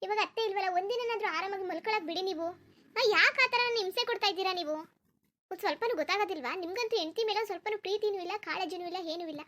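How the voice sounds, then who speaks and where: A woman's voice: very high-pitched, pushed and bright. A woman voicing a lazy, sleepy young wife in a cartoon, complaining and stubbornly refusing to get up. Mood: whiny. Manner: complaining, stubborn, rapid-fire. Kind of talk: cartoon voice acting.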